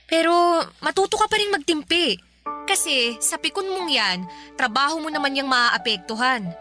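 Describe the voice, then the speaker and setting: In a Tagalog radio drama, a woman plays an exasperated, nagging young wife and mother who complains emphatically. Her voice is high-pitched with a sharp tone, and the mood is worried and scolding.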